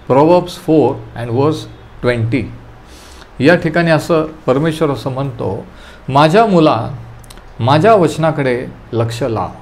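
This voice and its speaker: A man leading a Bible study, teaching calmly and telling listeners to underline verses, with English terms mixed in. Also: on the high side. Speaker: preacher.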